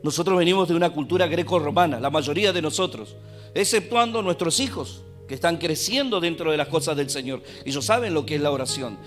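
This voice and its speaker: Argentine preacher guy, sermon, gets loud and emphatic then drops to asides, keys playing faintly behind. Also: a little high, brisk, faint music behind. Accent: Argentine Spanish. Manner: preaching with rising emphatic bursts and asides to the congregation. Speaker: pastor. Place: church.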